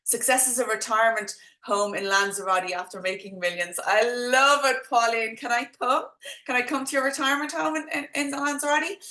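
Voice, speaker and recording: Woman, Dublin accent, high bright voice, chatty encouraging coach, live webinar delivery, roomy echo. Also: brisk. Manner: chatty, encouraging, addresses viewers directly with pep talk. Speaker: business coach hosting an online workshop. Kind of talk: informal live webinar presenting.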